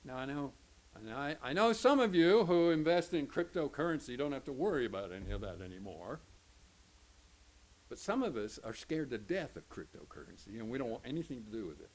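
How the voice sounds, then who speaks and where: A man's voice: mid-range voice, big pitch swings, a little fast. An older man with an Oklahoma Southern accent, teaching a folksy Sunday school lesson as a pastor, joking and acting out quoted voices. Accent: Oklahoma Southern American.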